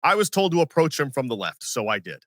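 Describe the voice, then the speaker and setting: A man in his forties hosting a sports podcast, telling stories in an animated, self-mocking way and acting out what others said. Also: mid-range voice, fast talker, no room sound, clean studio sound. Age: 40s. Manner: animated, self-mocking storyteller who acts out quotes. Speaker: podcast host. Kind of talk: casual sports podcast storytelling.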